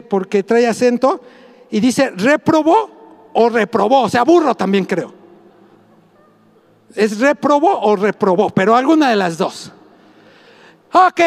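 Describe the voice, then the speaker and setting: A man, a pastor, preaching a sermon to his congregation, mixing jokey asides with repeated shouted emphasis. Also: very high voice, gravelly.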